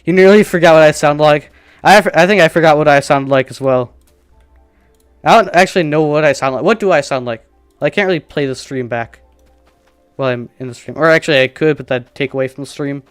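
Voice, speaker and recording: A man's voice: on the high side, a little fast, clear, resonant tone, no echo, studio quality, soft background music. A man streaming a survival game, casually thinking aloud and joking at his own expense while he plays. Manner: rambling, self-deprecating, thinking aloud.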